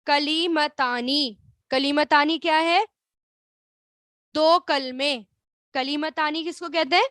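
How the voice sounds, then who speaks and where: Bright high-voiced woman teaching slowly. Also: fairly even intonation, no echo, studio quality. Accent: Pakistani Urdu. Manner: explains slowly, drawing out words and repeating them; asks the class questions and answers them herself. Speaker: Arabic grammar teacher. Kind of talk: online class lesson.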